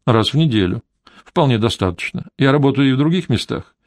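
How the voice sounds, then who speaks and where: A man's voice: medium pitch, animated, a little fast, no echo, clean studio sound, close to an everyday voice. A man reading an audiobook, voicing a stubborn, secretive older woman housekeeper who grumbles and refuses curtly. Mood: plaintive, defensive.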